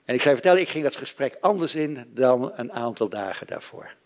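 A man's voice: mid-range voice, lively intonation, brisk. A middle-aged man preaching a sermon, telling stories with dry, self-mocking humor. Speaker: pastor.

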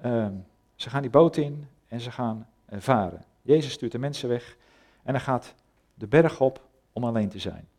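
A man preaching a sermon, retelling a Bible story in a casual, conversational way, pausing often with filler sounds. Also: medium pitch, darkish tone. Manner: conversational, hesitant with many fillers.

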